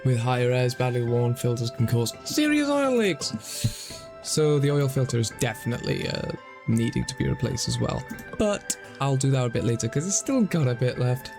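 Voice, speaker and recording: A man's voice: medium pitch, very animated, moderate pace, gravelly, music in the background. Man rambling over a game. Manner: rambling, self-conscious musing aloud. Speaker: streamer. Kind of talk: casual gameplay commentary.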